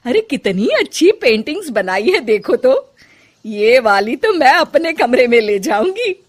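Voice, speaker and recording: A kindly older mother-in-law speaks with fond pride about her family, voiced by a woman narrator. Her pace is unhurried and her pitch lively. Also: heavily acted. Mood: proud. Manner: affectionate. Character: warm older mother-in-law, proud and kind.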